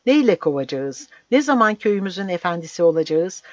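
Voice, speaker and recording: A narrator voicing a frail, fearful old village healer who shouts agitated questions. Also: mid-range voice, big pitch swings, a little fast, no echo, dull audio, close to an everyday voice.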